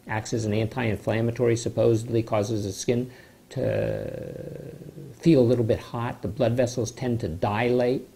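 An older man with a dark, gravelly voice explains medicine to camera from his study. He speaks in a measured, explanatory way and sounds skeptical of the claims he covers. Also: medium pitch. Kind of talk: informal health explainer to camera. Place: home study with bookshelves, indoors.

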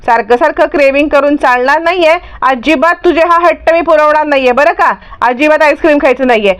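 A woman's voice: high voice, a little fast, a bit bright. A woman voicing a young married mother who pleads with her own mother and lectures her child. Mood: strict. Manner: pleading and strict by turns.

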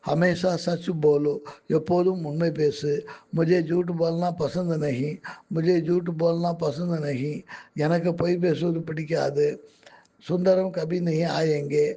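A man reading his own magazine articles aloud in a measured, careful way. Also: on the high side, creaky, mellow.

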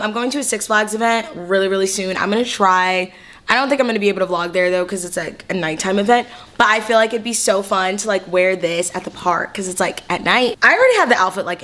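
A woman's voice: medium pitch, a bit bright. A young woman in her twenties from California, chatting in a bubbly, slangy way through a clothing haul vlog. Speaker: fashion vlogger.

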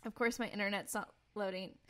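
A young adult woman co-hosting a podcast talks at length, casual, informal and emphatic, sharing personal testimony and chat. Her mid-range, commanding voice keeps a steady tone and moves a little fast.

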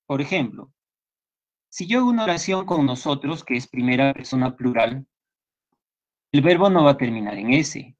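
A male English teacher with a Peruvian Spanish accent, speaking at a middling pitch in a patient, repetitive way. He keeps checking that his students follow along. The sound is a little dull and lo-fi. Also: lively intonation, moderate pace, pauses often. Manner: patient, repeats points and checks understanding with students. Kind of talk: online class lecture.

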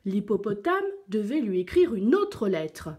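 Slow expressive storybook reader, woman. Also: mid-range voice. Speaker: teacher reading to young pupils. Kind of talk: picture-book read-aloud.

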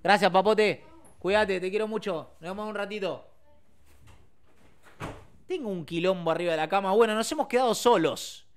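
A man with an Argentine accent hosting a casual livestream from his bedroom, telling stories with lively shouted sound effects. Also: high-pitched, moderate pace, pauses often. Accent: Argentine Spanish. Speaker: streamer host. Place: home bedroom.

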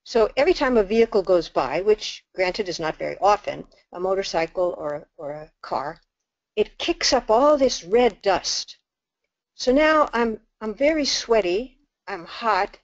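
An older woman, a nun, telling a story in a talk as an animated storyteller who acts out the dialogue. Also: mid-range voice, measured pace, dry recording. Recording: dull lo-fi dry recording.

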